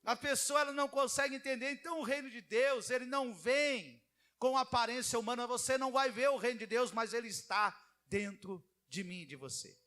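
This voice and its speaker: A male pastor preaching a sermon in an animated way, acting out the people he quotes. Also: extremely high pitch, fairly quick.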